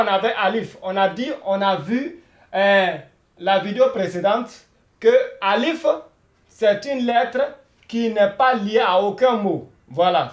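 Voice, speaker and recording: Male language teacher, high voice, echoey room, patient and repetitive with beginners. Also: muffled recording. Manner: patient, repeats words many times, checks in with "hein?" and "voilà". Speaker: Arabic teacher.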